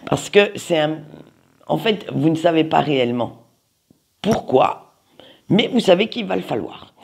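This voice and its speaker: A card reader with a very gravelly, husky voice talks straight to viewers in a weekly tarot reading. The delivery is slow but lively, swooping up and down in pitch, with a playful, chatty manner that often searches aloud for the right word. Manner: talks straight to viewers, peppering lines with "hein".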